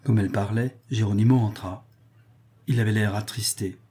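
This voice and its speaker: A man reading a literary novel aloud as narrator, in a measured, even manner. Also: lowish voice, husky. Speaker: audiobook narrator.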